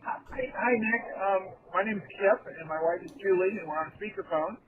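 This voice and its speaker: A man's voice: high voice, moderate pace. A man on speakerphone while driving, calling a dealer to ask about a used camper, chatty and friendly and often restarting his sentences. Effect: on speakerphone over a phone line. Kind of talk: casual phone inquiry. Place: driving in a vehicle. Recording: tinny phone line with crowd noise.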